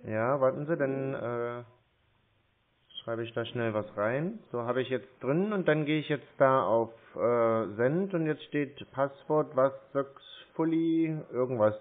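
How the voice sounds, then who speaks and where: Over a muffled, tinny phone line, a man with a middling pitch poses as a confused customer. In casual conversation he comes across hesitant and a bit slow on the uptake, rambling through his explanations.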